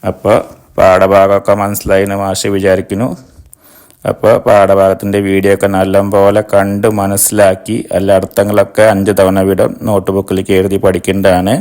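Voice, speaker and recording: A man's voice: low voice, monotone, brisk, a little mellow. A middle-aged male teacher with a Malayali accent, reading a folk tale line by line and translating each word for his pupils.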